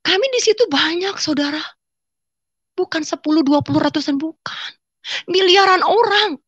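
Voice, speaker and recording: A woman giving an emotional personal testimony, swinging from loud cries to hushed whispers. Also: extremely high pitch, normal speed, no echo, lo-fi sound. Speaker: testifying guest.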